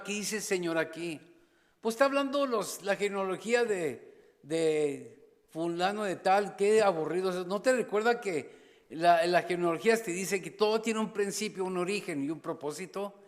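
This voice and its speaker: A man preaching as a pastor, passionate, rising to loud appeals and dropping to hushed asides. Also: high-pitched. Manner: impassioned, swings between loud exhortation and hushed asides; slips briefly into English phrases. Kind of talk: sermon. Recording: long church reverb.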